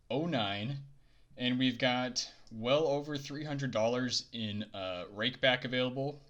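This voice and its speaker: A man's voice: medium pitch, sharp tone. A young man vlogging casually about his poker bankroll, rambling with many fillers and a little out of breath after a workout. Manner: rambling, filler-heavy, laid-back. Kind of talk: casual chat to camera.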